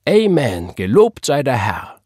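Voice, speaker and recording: A man's voice: mid-range voice, very animated, normal speed, a little mellow, slightly rough, no echo, clean studio sound, voice pushed up. A man voicing an old, devout church mother who exclaims praise.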